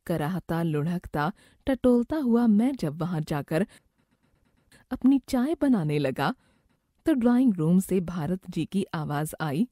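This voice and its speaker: Slow, mellow woman storyteller. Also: on the low side, animated, no echo, studio quality. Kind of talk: scripted first-person story narration.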